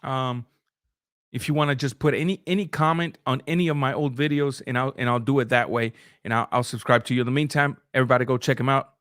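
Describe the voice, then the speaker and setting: Speaking quickly with fairly even intonation, a middle-aged boxing host whose first language is Spanish reads super chats during a live stream, talking loosely with restarts and filler sounds. His medium-pitched voice is a bit bright. Clean studio sound with no room ambience.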